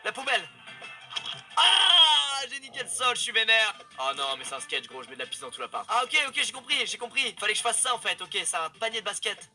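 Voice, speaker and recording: A man in his twenties hosting a let's play from a home kitchen, excitable and swearing, with frequent loud outbursts. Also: high-pitched, fast talker, few pauses, faint music behind. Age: 20s. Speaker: gaming video host.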